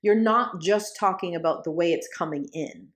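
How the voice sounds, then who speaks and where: Chatty lower-voiced woman podcaster. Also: moderate pace. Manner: chatty, sarcastic asides, frequent "like" and "do you know what I'm saying". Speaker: podcast co-host. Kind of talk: casual conversational podcast chat.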